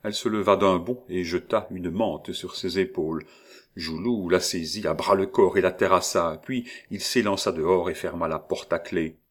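A man narrating a novel in a steady, measured reading voice. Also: low voice. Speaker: audiobook narrator.

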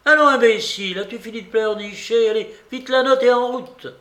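A man voicing an imperious, quick-tempered rich old grandmother in an audiobook reading, shrill and scolding as she barks orders. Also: vocal fry, a bit bright, full character voice. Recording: roomy echo.

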